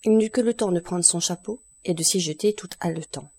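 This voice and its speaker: Low, husky woman narrating a novel. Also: a little fast, a little mellow. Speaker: audiobook narrator. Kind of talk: scripted narration of a classic novel.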